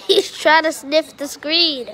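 A woman's voice: high-pitched, steady tone, slow, bright, forceful tone. A woman chatting casually to the camera in a rambling, giggly way and talking to her dog. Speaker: video maker.

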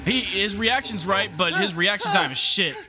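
A man's voice: sits high, normal speed. A young man hosting a reaction video in a gaming room on a headset, talking casually and exclaiming and swearing at jump scares.

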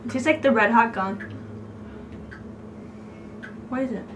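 High-voiced young woman, teasing, distant mic. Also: fast talker, fairly bright tone. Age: 20s. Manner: teasing, competitive. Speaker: challenge vlogger. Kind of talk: casual playful chat. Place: small room indoors. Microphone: camera a few feet away. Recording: roomy distant camera mic, faint background noise.

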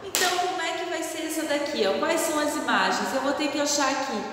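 High-voiced Brazilian teacher in an echoey room. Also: female voice. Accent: Brazilian Portuguese. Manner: sounds out syllables slowly, tag questions. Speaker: first-grade teacher. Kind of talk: slow, sing-song classroom lesson and story reading. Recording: echoey hall, distant mic, faint noise.

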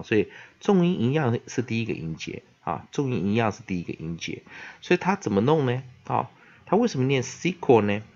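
A man with a Taiwanese Mandarin accent teaches English pronunciation in a classroom style. His fairly low voice moves lively up and down, and he fills his pauses with many drawn-out "ah"s, slowly repeating the words he teaches. The recording sounds dull and lo-fi. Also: vocal fry. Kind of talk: classroom-style vocabulary lesson.

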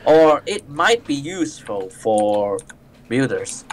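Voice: mid-range voice, big pitch swings, slight background noise. Hesitant co-player, um-filled chat. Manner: hesitant, lots of ums, quick corrections. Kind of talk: casual gameplay chat.

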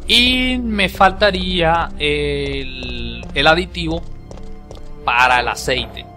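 A man giving let's play commentary on a game he is playing. He is excitable, swearing and yelping whenever the game attacks him. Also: fairly high pitch, slow. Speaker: gameplay commentator. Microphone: home voice recording over game capture. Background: game music.

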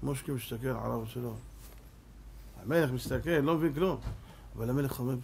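A man, a rabbi, telling a story in a lively, animated way during a religious lesson. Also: medium pitch, creaky, slight background noise.

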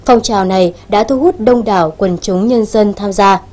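A woman anchors a regional news bulletin with a polished, formal delivery, her voice mellow and warm. The broadcast audio sounds dull and lo-fi. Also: mid-range voice, moderate pace. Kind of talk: scripted news presenting.

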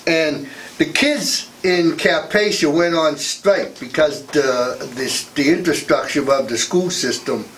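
A man's voice: on the high side, slow, fairly bright tone, a little hiss or hum, rough recording. A man co-hosting a radio talk show, asking long, rambling questions with many restarts into a studio mic. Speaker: co-host. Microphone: studio boom mic.

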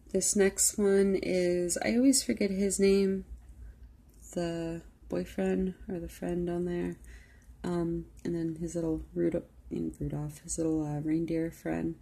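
A woman's voice: on the low side, gravelly, dark tone, husky. A woman vlogger chatting casually through a product haul, rambling with lots of "um" and "like". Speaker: beauty vlogger.

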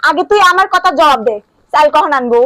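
An actress playing a sharp-tongued village wife who scolds her husband in rapid bursts, in a comic short film. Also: sits high, lively intonation, no echo. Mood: scolding.

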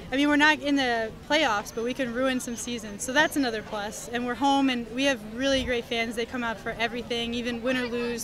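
A young woman, a goalkeeper, speaking earnestly in an outdoor post-game interview at night. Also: a little high. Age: young adult. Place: outdoors at a floodlit field at night. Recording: stadium crowd behind.

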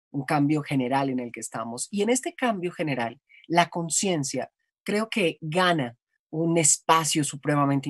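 A woman from Colombia, a voice-over artist, explaining her craft in a reflective, animated conversational interview. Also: low-pitched, dry recording, clean studio sound.

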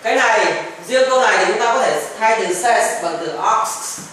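A man with a high, animated, slightly bright voice speaks at normal speed, giving a patient classroom grammar lesson with repeated examples and mixed-in English phrases. The echoey room is recorded from far off with faint noise, and children chime in.

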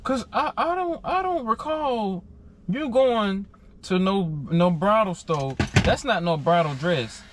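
A man's voice: high voice, expressive, takes it slowly, noisy background. A young man, mocking and exasperated in a prank vlog. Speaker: vlogger, prank target. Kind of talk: exasperated banter.

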